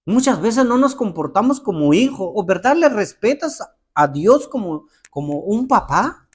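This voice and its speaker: A middle-aged male pastor, preaching an expressive sermon and acting out prayers and letters. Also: high voice.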